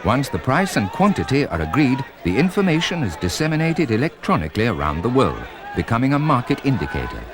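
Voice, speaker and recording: A man reading scripted corporate documentary narration in a measured, formal way. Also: medium pitch, big pitch swings, a crowd in the background. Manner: measured, formal presenter delivery. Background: music.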